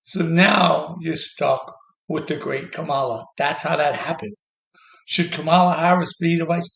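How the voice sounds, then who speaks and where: Guy ranting heated and sarcastic, gravelly voice, kinda high, echoey room. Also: fairly even intonation, unhurried, a bit bright. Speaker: commentator. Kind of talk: political rant.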